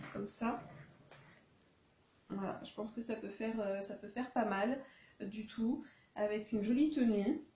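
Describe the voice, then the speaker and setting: A woman chats through her second-hand finds in a relaxed, halting way, often pausing and correcting herself. Her voice is mellow and soft-edged. The recording carries the echo of a room at home. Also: medium pitch. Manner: chatty, many hesitations and self-corrections. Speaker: second-hand fashion vlogger. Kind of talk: casual haul video chat. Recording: echoey room.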